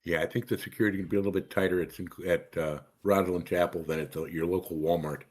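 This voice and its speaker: A man's voice: low voice, steady tone, fast talker. A middle-aged man, a guest in a casual chat, giving dry, understated replies.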